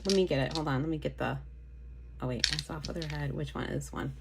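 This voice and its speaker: A woman with a somewhat low voice hosts a relaxed live stream, chatting freely with the people watching. She reads their comments aloud and keeps breaking off mid-thought to fetch things or answer someone. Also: quick pace, vocal fry, very noisy. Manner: chatty, easily distracted, talks to viewers and reads comments aloud. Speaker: livestream host showing nail polish. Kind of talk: casual live-stream chat.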